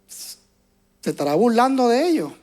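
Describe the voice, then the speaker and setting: A man preaching a sermon to a church congregation, moving between hushed and loud passages and often repeating words as he searches for them. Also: very high-pitched, big pitch swings, measured pace, faint music behind. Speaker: pastor.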